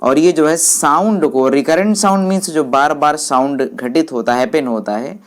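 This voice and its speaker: A woman teaching English, explaining each point slowly and repeating English phrases in Hindi while speaking to viewers as friends. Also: low-pitched.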